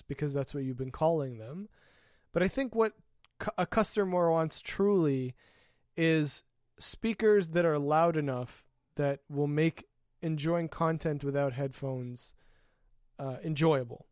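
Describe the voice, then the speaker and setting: A man co-hosting a casual tech podcast, opinionated, explaining at length and trailing off quietly at the ends of points. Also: on the high side, measured pace, dry recording, studio quality. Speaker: podcast co-host.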